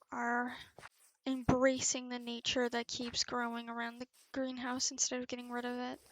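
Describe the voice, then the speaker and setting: Over background music and a bit of background noise, a young woman with a highish voice talks through her gameplay as a video creator. Her casual gaming chat is loose, rambling and self-deprecating.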